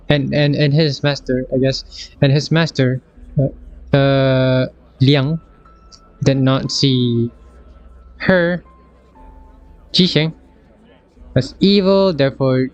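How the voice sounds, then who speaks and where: A man live-streaming his reaction to a game story, musing aloud in loose, rambling sentences that often restart. His voice sits at an ordinary middle pitch. Faint music plays in the background. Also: muffled recording. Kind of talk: casual live reaction chat.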